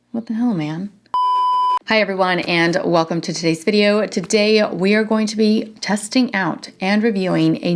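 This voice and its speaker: Chatty woman reviewing makeup, lowish voice. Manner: chatty and self-deprecating, quick asides. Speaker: beauty vlogger. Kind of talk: casual product review.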